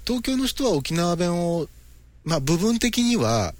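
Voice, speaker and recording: Lively, curious-sounding man asking questions. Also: sits high, measured pace. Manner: curious, eager follow-up questions. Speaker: interviewer. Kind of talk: casual conversational interview.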